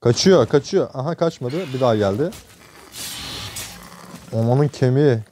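Excitable young man narrating a game. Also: medium pitch, moderate pace, slight background noise. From Turkey. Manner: excitable, swears and jokes at the game. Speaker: gameplay streamer. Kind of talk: casual gameplay commentary.

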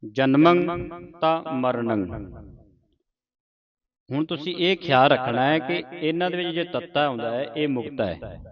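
A man teaching the pronunciation of scripture, reciting verses slowly syllable by syllable and explaining where to pause. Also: a little high, animated. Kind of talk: recitation lesson. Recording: dull lo-fi with crowd behind.

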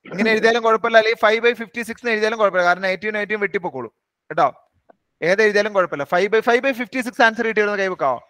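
A man teaching a live online maths class, briskly quizzing and coaxing students by name. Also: sits high, sharp tone, clear, resonant tone, no echo.

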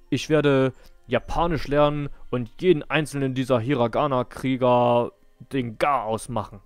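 A determined young villager vowing to fight, read by a man in nearly his own voice. The delivery is firm, loud and unhurried, over faint music. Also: mid-range voice, dry recording, close to an everyday voice. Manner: firm, loud, slow reading. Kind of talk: live-read game dialogue.

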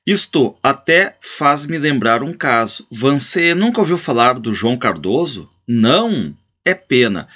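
A man voicing an old gaucho storyteller speaking slowly and folksily to a listener. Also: mid-range voice, very animated, bright, forceful tone, slightly rough, pitched above the performer's own voice, full character voice. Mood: folksy. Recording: slightly muffled lo-fi recording.

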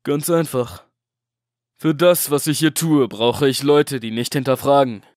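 A man's voice: medium pitch, unhurried, a little mellow, no echo, lightly acted. A cold, scheming middleman voiced by a man who gives orders in a clipped, threatening way. His voice sits in an ordinary male register, recorded dry and close for a horror audiobook. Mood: smug. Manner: clipped, commanding, coolly threatening. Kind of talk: audiobook drama acting.

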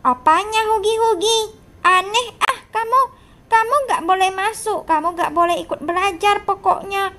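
A woman's voice: very high-pitched, moderate pace, bright, forceful tone. A woman voicing a strict, scolding male schoolteacher in a game role-play. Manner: scolding, bossy.

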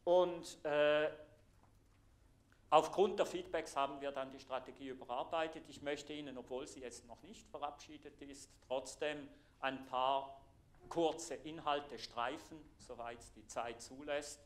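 A middle-aged IT architect from Thurgau, Switzerland, with a Swiss German accent gives an earnest, explanatory conference talk, pausing often with fillers. His voice is fairly high with fairly even intonation, and he stands before a projected slide in a lecture room.

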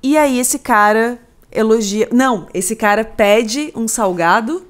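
A woman's voice: a little high, measured pace. A woman hosting a podcast, chatting casually and summarizing a film plot, with acted quotes. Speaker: podcast host.

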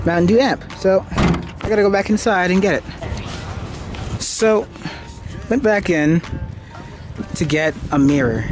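A young man from Canada chatting offhand and teasing as he vlogs a trip into a handheld camera. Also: high voice. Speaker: vlogger. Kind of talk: casual vlog narration. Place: stores, car and shopping mall.

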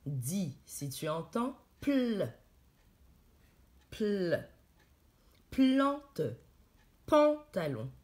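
A woman teacher giving a reading lesson to small children, speaking very slowly and carefully. Her low-ish voice rises and falls a lot as she sounds out each syllable. She is patient and encouraging, and she praises the child often. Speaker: primary school teacher.

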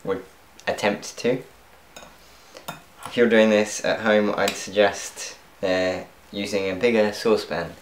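Fairly low-pitched and fairly even in intonation, this young man speaks at a slow pace as he cooks at home and talks to viewers. He laughs at his mistakes in his casual vlog commentary. The echoey kitchen carries slight background noise and faintly clattering pans.

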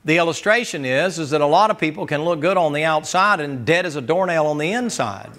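A man's voice: a little high, lively intonation, brisk, fairly bright tone. A man preaching a Sunday school sermon in a folksy, joking and emphatic way.

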